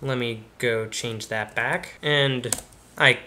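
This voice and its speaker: With a slight background noise in his bedroom studio, where computer screens sit behind him, a young tech host slowly narrates a computer install step by step for a screen-recorded tutorial. He keeps a casual manner, and his medium-pitched voice sounds pushed and bright, with fairly even intonation.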